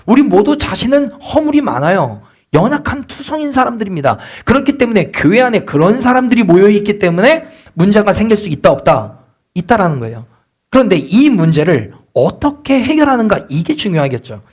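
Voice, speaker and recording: A man's voice: sits high, very animated, fairly quick, husky. A male pastor preaching a sermon in a church, asking the congregation questions and acting out the complaints of church members. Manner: asks the congregation rhetorical questions. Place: church sanctuary.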